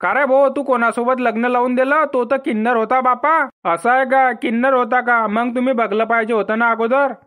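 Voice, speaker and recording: A man's voice: extremely high pitch, steady tone, normal speed, a bit bright. A man, voicing the brash, blustering characters of a village cartoon comedy.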